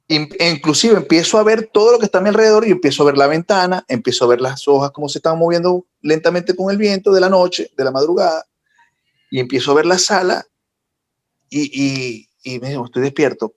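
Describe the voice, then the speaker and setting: Animated man telling a spooky story. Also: on the high side, normal speed. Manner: animated, recounting with rising intensity. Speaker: podcast co-host. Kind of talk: casual storytelling.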